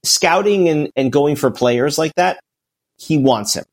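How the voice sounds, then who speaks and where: A man's voice: fairly high pitch, lively intonation, a little slow. A man co-hosting a casual sports podcast, talking at length with frequent restarts and filler words. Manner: rambling, full of restarts and "you know". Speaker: podcast co-host. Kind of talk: casual chat.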